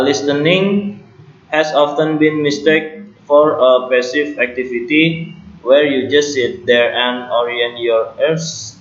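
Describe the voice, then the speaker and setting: Male student presenter, slow and deliberate, roomy lo-fi recording. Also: medium pitch. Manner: slow, careful delivery with small self-corrections. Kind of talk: read academic presentation. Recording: roomy, dull lo-fi home recording.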